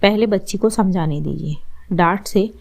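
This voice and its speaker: A woman voicing a calm, caring aunt who gently reassures and advises, in a storybook reading. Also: mid-range voice, normal speed, vocal fry. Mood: gentle.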